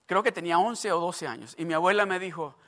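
A man's voice: high-pitched, fast talker, pushed and bright. An older man preaching a sermon, emphatic and repetitive, asking the congregation questions and telling stories from his own life. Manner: storytelling asides.

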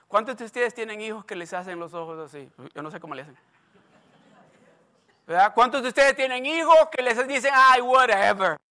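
An older man preaches a sermon in a high-pitched, pushed and bright voice. He is emphatic and repetitive, questioning the congregation and offering storytelling asides from his own life.

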